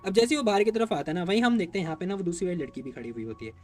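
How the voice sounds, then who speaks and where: A man recaps a comic story in a quick, high voice that jumps all over. His tone is chatty and casual, and he speaks straight to his viewers as if they were friends. Soft music runs underneath. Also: animated. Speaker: manhwa recap narrator.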